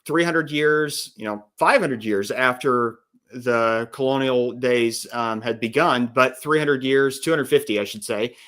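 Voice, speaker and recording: American male guest, slow and measured, mid-range voice. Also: mid-range voice, a bit bright. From United States. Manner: slow, thoughtful, hesitant with fillers. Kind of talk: casual chat.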